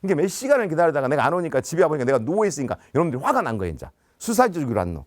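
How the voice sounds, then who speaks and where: Man, teacher, storytelling lecture, animated, acts out dialogue, fairly high voice, dry sound. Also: rapid-fire, dry recording. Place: business center lecture.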